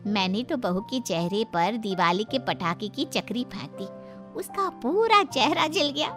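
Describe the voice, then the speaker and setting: A woman's voice: on the high side, expressive, measured pace, fairly bright tone, faint music behind. Woman playing a spiteful, cackling old gossip. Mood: gloating. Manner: gloating, cackling, conspiratorial. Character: older female gossip friend, spiteful and scheming. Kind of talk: cartoon voice acting.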